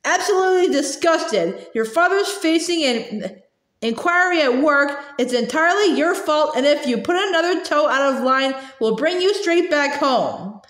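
A furious mother bellowing out of an enchanted letter, scolding without pause, as a woman reading a storybook puts her on. The voice rides high and bright, and the room around it rings with echo. It is a storybook telling, loud and relentless. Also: animated. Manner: scolding, shouting. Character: furious mother yelling through a magic letter. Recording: roomy echo.

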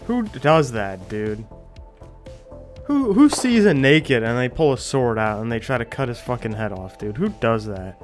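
Young dude, frat bro gamer talk, swears and sounds exasperated, music underneath. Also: male voice, medium pitch, very animated, a little slow. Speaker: gaming video host. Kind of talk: casual gameplay commentary.

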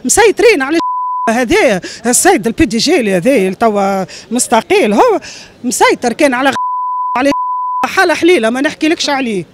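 High-pitched, agitated Tunisian woman pleading. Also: sing-song, quick pace. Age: middle-aged. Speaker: interviewee airing a grievance. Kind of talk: street interview, impassioned complaint. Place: outdoors on a busy city street. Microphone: handheld reporter microphone.

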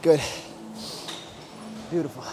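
A man in his thirties, a personal trainer, giving brisk instructions and encouragement while coaching a workout in a large indoor gym on a lapel mic. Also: noisy background.

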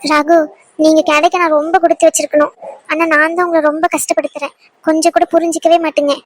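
A woman voicing a gentle young woman who is anxious and guilt-ridden about her coming marriage, speaking softly and apologetically. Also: high voice, little pitch movement, fast, natural voice. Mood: pleading. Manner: soft, pleading, apologetic. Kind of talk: fan dub of a serial scene.

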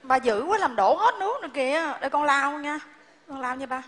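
An actress playing a flustered young daughter and fiancée, crying out in a live stage comedy sketch. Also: female voice, high-pitched, lively intonation, fairly quick, a bit bright, big-room sound. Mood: pleading. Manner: flustered, repeated exclamations. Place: large theater stage.

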